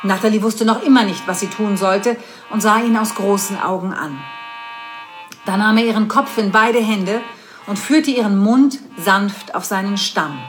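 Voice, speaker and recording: Female narrator, mid-pitched, measured storybook reading, soft music underneath. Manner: measured reading with slips and restarts. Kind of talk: reading an erotic story aloud.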